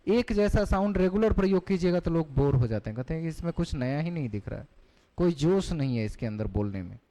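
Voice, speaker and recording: A man's voice: fairly high pitch, expressive, quick pace, warm tone. A male teacher giving a classroom lecture, explaining terms and putting questions to the class. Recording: long hall reverb.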